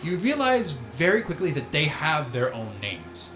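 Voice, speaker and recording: A man's voice: a little high, huge pitch swings, a little slow. A man improvising tabletop game narration as game master, in a conversational, piecemeal way. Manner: conversational, piecemeal descriptions full of "like". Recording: roomy echo with music behind.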